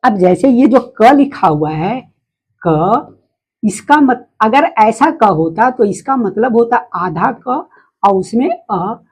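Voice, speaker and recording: A woman teaches letter sounds to beginners at a slow, patient pace. Her voice has a husky, breathy edge. She keeps repeating herself and quizzing the listener as she goes. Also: a little high, lively intonation, low-quality recording. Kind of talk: phonics lesson.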